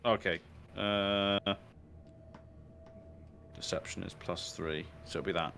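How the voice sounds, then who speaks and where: A man playing in a tabletop game, chatting casually with quick, eager replies. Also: sits low, steady tone, gravelly, background noise. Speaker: player.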